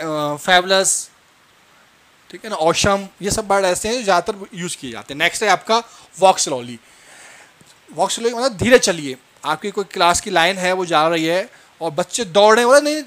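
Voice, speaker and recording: Guy teaching phrases, highish voice, says each one twice, keeps asking clear?. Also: fairly bright tone. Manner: explains each phrase slowly, repeating it, often asking "clear?". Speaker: English teacher. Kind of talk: spoken English lesson.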